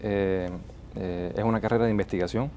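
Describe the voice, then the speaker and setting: A man's voice: fairly low pitch, steady tone, brisk, warm tone, a little hiss or hum. A man with a Cuban accent, a molecular biologist explaining as a guest, with frequent hesitant fillers. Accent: Cuban Spanish. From Cuba. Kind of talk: interview answers.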